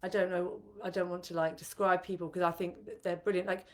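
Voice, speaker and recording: A woman's voice: fairly low pitch, level tone, a little fast. A woman co-hosting a casual live-stream chat, talking loosely with lots of fillers and restarts. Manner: chatty, many fillers and restarts. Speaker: co-host, retreat facilitator.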